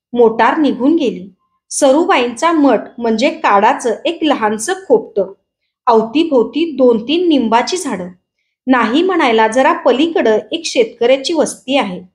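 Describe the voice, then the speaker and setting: A woman reading a rural story aloud with a Marathi accent, in steady first-person storytelling narration. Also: high-pitched. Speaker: story reader.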